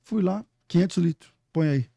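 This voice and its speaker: Um pastor na casa dos quarenta anos, convidado de um podcast, que conta histórias de forma animada, ri e cita a si mesmo. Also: male voice, high-pitched, normal speed, creaky, breathy edge, dry recording, highs cut off. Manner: animated, laughing storyteller who quotes himself. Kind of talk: casual podcast storytelling.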